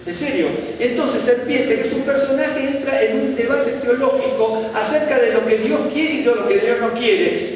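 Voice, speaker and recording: High-voiced man preaching in an echoey hall. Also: a little hiss or hum. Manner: animated, rising for quoted questions, self-correcting. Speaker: Bible teacher. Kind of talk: sermon teaching. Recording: distant mic in a reverberant hall.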